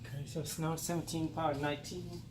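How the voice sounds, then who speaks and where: A man's voice: fairly high pitch, flat delivery, fast. A man narrating a do-it-yourself car repair, thinking aloud as he works and unsure of his sizes. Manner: thinking aloud, unsure, talking while working. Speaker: home mechanic. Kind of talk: DIY repair tutorial narration. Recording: noisy home video.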